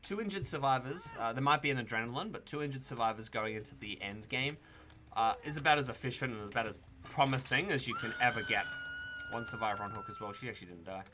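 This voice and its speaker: There is a little hiss or hum as a young Tasmanian man talks fast in a medium-pitched voice over his own gameplay. The gaming YouTuber keeps it relaxed, speaking to himself and the players with some mild swearing.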